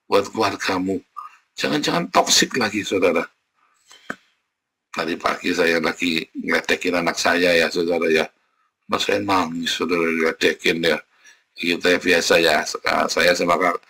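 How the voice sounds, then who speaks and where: Bright husky-voiced man preaching. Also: on the low side. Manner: conversational preaching, addressing the congregation directly. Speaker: pastor. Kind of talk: sermon.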